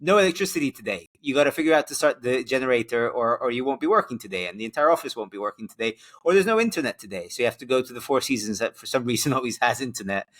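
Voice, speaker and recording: A man's voice: medium pitch, lively intonation, racing, few pauses, a bit bright. Chatty male podcast host. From Costa Rica and Hungary. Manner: chatty, thoughtful questions with fillers. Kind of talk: casual interview conversation.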